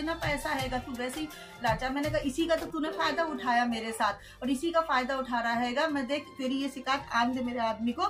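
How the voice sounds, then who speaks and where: A woman tells an interviewer her story in a high voice. She retells events step by step and quotes the others' words, with soft music under her. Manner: storytelling, quoting others' words, frequent "haan, ji". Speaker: interviewee recounting an incident. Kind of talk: emotional first-person account.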